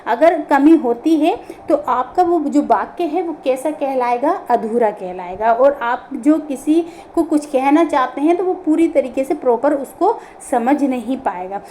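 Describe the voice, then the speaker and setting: A woman's voice: sits high, expressive, a little slow, hardly any pauses, dark tone, slight background noise. A woman teaching an online grammar class, explaining step by step and answering her own questions.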